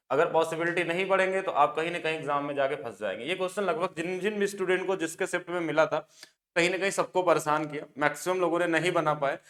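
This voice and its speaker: A man teaching an exam-prep maths lesson, explaining briskly and coaxing students to look closely at each step. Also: fairly high pitch, a bit bright.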